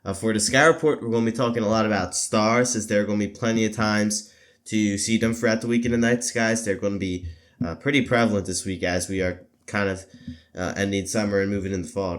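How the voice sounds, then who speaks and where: A man with a stuffy voice from allergies hosting a casual solo podcast, rambling with lots of fillers, self-corrections and throat-clearing. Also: on the low side, fairly even intonation, fairly quick. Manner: clears his throat often. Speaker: podcast host.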